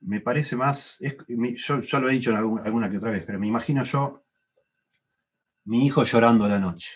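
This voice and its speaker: A man's voice: a little fast, slightly rough. A middle-aged man with a Rioplatense Spanish accent teaching a Bible class at church, thoughtful and repeating phrases for emphasis. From Argentina. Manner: thoughtful, repeats phrases for emphasis, rises in pitch when stressing points.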